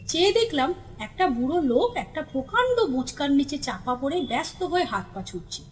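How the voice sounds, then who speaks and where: Lively high-voiced woman storyteller. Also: fairly quick, a little hiss or hum. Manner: lively, expressive reading. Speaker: narrator. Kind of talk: storybook reading.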